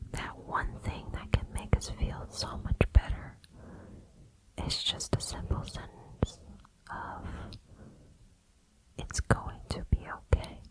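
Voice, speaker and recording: A woman giving a gentle, reassuring pep talk in an ASMR whisper, close to the microphone. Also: rough recording. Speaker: ASMR host.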